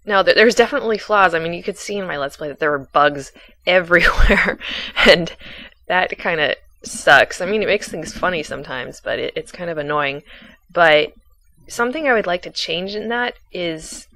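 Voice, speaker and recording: A young woman, hoarse from a lingering cold, talks to her viewers in a relaxed, rambling way. Her voice sits a little low for a woman, and she trips over restarts and fillers as she answers questions into a home desktop mic. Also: moderate pace. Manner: rambling, self-deprecating, many ums and restarts. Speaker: YouTube Let's Play creator. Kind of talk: casual Q&A voice-over.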